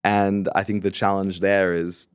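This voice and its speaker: Low, level, clear and resonant, the voice belongs to a man in his late twenties who founded a fulfillment company and is a podcast guest. He discusses his business confidently and agreeably in casual interview talk, a little slowly, on a dry, clean studio recording.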